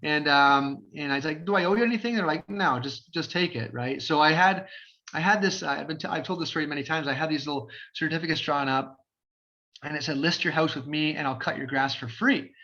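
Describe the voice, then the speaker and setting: Upbeat man with bright, lo-fi sound. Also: on the high side, steady tone, a little fast. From Canada. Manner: chatty and upbeat, heavy with fillers and restarts. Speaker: realtor and community developer guest. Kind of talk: casual storytelling interview answers.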